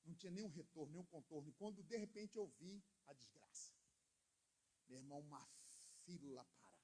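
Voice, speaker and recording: A man's voice: fairly high pitch, animated, brisk, slightly rough. A male pastor from Brazil, preaching a sermon and firing questions for the congregation to answer. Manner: swings between loud emphatic lines and quiet storytelling asides.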